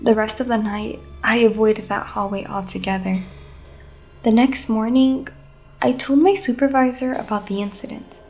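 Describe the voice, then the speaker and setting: A woman narrating a scripted first-person scary story in a measured, suspenseful manner. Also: on the high side, fairly even intonation, a little mellow.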